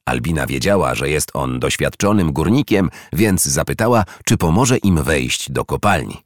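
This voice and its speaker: A man narrating a children's storybook in an expressive read-aloud manner. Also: extremely low pitch, normal speed, dry recording, clean studio sound.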